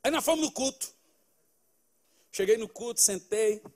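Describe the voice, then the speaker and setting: A man, a pastor telling a funny testimony in a sermon, animated, with loud bursts of exclamation. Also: very high voice, measured pace. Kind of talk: humorous preaching testimony.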